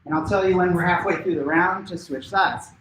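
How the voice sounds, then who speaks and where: A man teaching a martial arts class at home, giving brisk step-by-step coaching cues to follow along. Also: high-pitched, a bit bright, echoey room, a little hiss or hum, poor audio. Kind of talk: live-streamed class instruction. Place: home training room.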